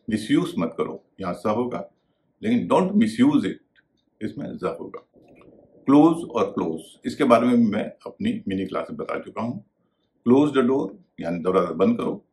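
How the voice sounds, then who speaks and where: A man's voice: fairly low pitch, a little mellow, a little hiss or hum. A man teaching English pronunciation in a video lesson, spelling out words letter by letter.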